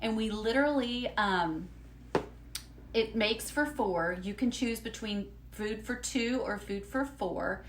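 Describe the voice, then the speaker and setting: A woman's voice: a little high, slow pace, a little hiss or hum. A woman, chatting upbeat and folksy with viewers during a live unboxing at home. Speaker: lifestyle vlogger.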